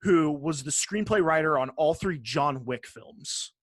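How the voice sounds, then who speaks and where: A podcast host with a fairly high, bright, animated voice chats unhurriedly about movies and games. His casual talk is emphatic and laced with profanity and slang, and there is no room sound.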